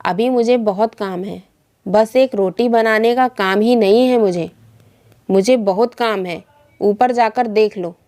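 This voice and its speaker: A woman voicing a sharp-tongued young daughter-in-law in a storybook tale, curt and dismissive in her replies. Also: mid-range voice, measured pace, close to an everyday voice.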